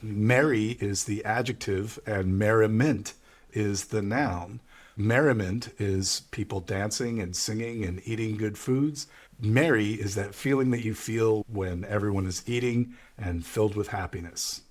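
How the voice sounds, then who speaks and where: A man's voice: lowish voice, a little slow. A man with an American accent teaching English vocabulary, patiently explaining each word and repeating the key ones. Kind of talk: vocabulary lesson.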